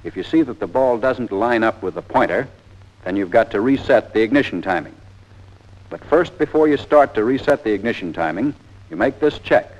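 Heard on a dull, band-limited 1940s film soundtrack, an American man with a lowish voice narrates a scripted training film. He is animated and moves at a moderate pace, sounding like a methodical, plain-spoken, folksy instructor.

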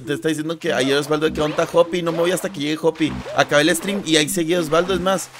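A young man with a Mexican Spanish accent streaming a game, loud and excitable as he jokes with his chat. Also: fairly high pitch, fast talker. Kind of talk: casual gaming stream chat. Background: game music.

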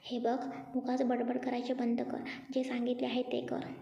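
A woman's voice: on the high side, completely flat delivery, normal speed, vocal fry, dark tone. A woman voicing a cocky, bossy young man who likes to tease, in a story. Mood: mocking. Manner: mocking, bossy. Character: cocky teasing young man, a rich boss. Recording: dull echoey room.

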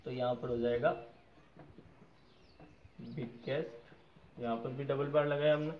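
Steady and measured, with medium pitch, a man explains a grammar lesson, spelling out English word endings. He frequently checks whether viewers follow, in a slightly dull recording with faint noise.

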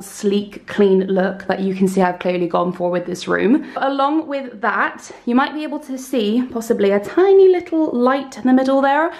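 Chatty young woman giving a room tour. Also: mid-range voice. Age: 20s. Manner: chatty and enthusiastic, gushing. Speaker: beauty YouTuber. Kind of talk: casual room tour vlog. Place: small bright indoor room.

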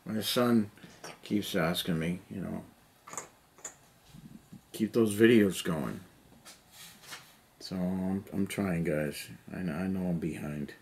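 Low-pitched and slightly mellow, with vocal fry, a slow pace, and long pauses, a middle-aged man talks while painting miniatures in a messy basement hobby room. As a hobby vlogger, he rambles to a camera on the nearby table, saying "you know" a lot, and there is slight background noise.

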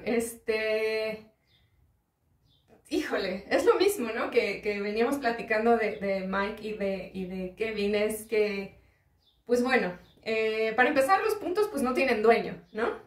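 Brief: Mexican woman host, fairly high voice, conversational commentary full of fillers, recorded in an echoey room a little away from the mic. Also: far from the mic. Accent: Mexican Spanish. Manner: chatty, explanatory, frequent filler "este" and "¿no?". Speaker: fishing channel host. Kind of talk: casual commentary on a video clip. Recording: roomy echo, voice set back from the mic.

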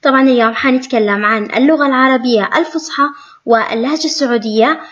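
A woman with a Saudi accent and a somewhat high voice leads a language lesson. She reads each example sentence slowly and says it twice. The recording sounds muffled and lo-fi. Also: fairly bright tone. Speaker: Arabic teacher. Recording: dull lo-fi sound.

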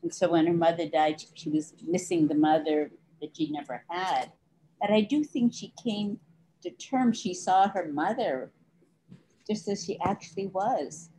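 Older woman, slightly low voice, faint hiss behind, reflective book club member. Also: measured pace, dark tone, poor audio. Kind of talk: video call discussion. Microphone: video call webcam.

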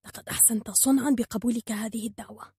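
A woman voicing a frail, gentle old man who speaks softly and slowly. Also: a little high, fairly even intonation, husky, no room sound, clean studio sound. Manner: soft, gentle and slow.

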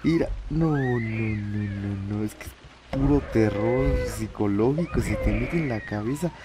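At home at night, a man plays a horror video game and gives nervous let's-play commentary, jumpy, laughing from nerves, and repeating his words. His voice sits on the low side and moves a little slowly.

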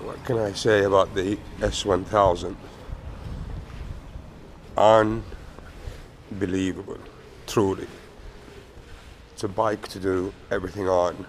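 A man with a croaky morning voice, talking casually to camera about his motorcycle trip. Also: deep voice, slow, long pauses. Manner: relaxed, enthusiastic about his bike. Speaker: motorcycle vlogger. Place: outdoors by a road with traffic. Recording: noisy outdoor street recording. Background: traffic and street noise.

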